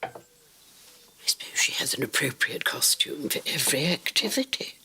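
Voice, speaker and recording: A woman's voice: deep voice, sing-song, a little slow, pushed and bright, husky, in a whisper, heavily acted. An actress playing a dry, witty aristocratic grandmother, older. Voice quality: dry, arch.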